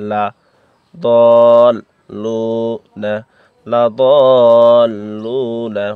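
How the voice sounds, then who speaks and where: A man teaching Quran reading from a primer, spelling out letters and marks, then chanting each syllable loudly and drawn out. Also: lowish voice, clear, resonant tone, dry recording, phone-quality sound. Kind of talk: spelling-out Quran recitation lesson.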